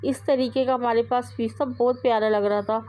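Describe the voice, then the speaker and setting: A woman with a high voice walks through a sewing project step by step. She talks in a chatty, repetitive way and often pauses on fillers. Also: fairly even intonation, darkish tone, rough recording. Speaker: sewing tutorial host. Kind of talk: casual step-by-step instruction.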